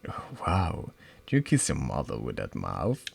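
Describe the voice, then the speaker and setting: A man's voice: extremely low pitch, wildly swooping pitch, a little slow, creaky, husky, voice pushed down, exaggerated voice. A man voicing a cruel teenage girl who taunts and threatens her friend in a cold, menacing way.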